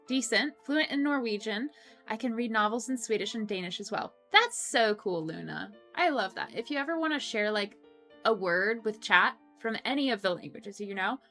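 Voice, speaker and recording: Speaking into her desk mic, a young woman hosting a coworking stream chats casually and reads viewer comments aloud. Her slightly high voice comes across bright and clear, and she laughs readily, filling pauses with ums and restarts as faint music plays behind her.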